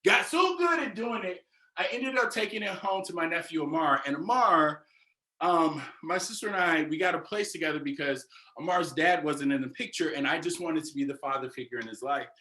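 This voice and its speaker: A young adult man giving a keynote speech, telling a story in an animated way and talking straight to the audience. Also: a little high, brisk. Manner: animated, addresses audience directly as "y'all". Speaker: keynote speaker. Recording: roomy echo.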